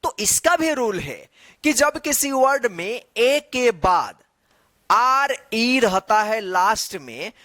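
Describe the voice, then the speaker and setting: A man's voice: extremely high pitch, sing-song, takes it slowly, sharp tone, dry recording. A man teaching an English reading lesson, spelling out words letter by letter, asking the class how each word is read and answering himself with repeated readings. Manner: asks the class questions and answers them himself.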